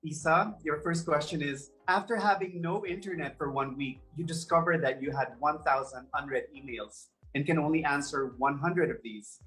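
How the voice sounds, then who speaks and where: Pageant interviewer, formal scripted questions, mid pitch, music underneath. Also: moderate pace, hardly any pauses, a bit bright, poor audio.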